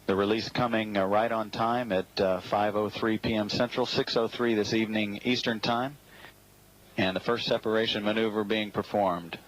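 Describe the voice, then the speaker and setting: A man giving live spaceflight commentary in a measured, formal way, often pausing with filler sounds as he goes. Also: lowish voice, steady tone, rough recording. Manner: measured, formal, hesitant with frequent filled pauses. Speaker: mission commentator.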